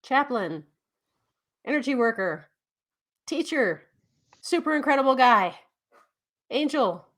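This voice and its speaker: A woman's voice: high voice, expressive, takes it slowly, pauses often, a bit bright. A woman co-hosting a podcast and telling a personal story in a casual way, laughing and acting out quoted dialogue. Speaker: podcast co-host; energy worker.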